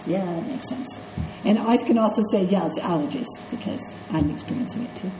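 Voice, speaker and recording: A medium-pitched, congested middle-aged woman lectures fairly quickly as a nursing instructor, keeping it conversational and checking with her students via "okay?" and "right?" The recording comes from an echoey classroom with faint ambience and a noisy background.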